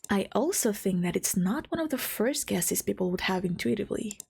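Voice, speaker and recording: A creaky, medium-pitched voice with a breathy edge belongs to a young Balkan woman with a light Albanian accent and a blocked nose. Recording as a VTuber on a home mic, she fills the gaps between takes with flustered, giggly self-talk, reprimanding herself and redoing lines.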